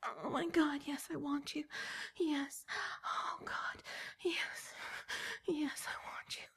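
Breathy whispering woman, high voice. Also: steady tone, takes it slowly, fairly bright tone. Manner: breathy whispering broken by moans. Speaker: erotic audio performer. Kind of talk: whispered erotic roleplay.

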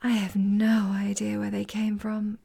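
A young woman performing an intimate roleplay monologue, talking softly with sighs and frequent whispers close to the microphone. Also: medium pitch, completely flat delivery, a little slow, creaky, husky. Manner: soft, sighing, often whispered.

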